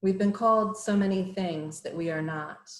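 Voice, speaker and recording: A middle-aged woman poet reading her poems aloud over a video call, introducing each one in a measured, hesitant way. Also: medium pitch, a little hiss or hum. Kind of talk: poetry reading with short introductions. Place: home room on a virtual reading call. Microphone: computer mic on a video call. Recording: roomy echo.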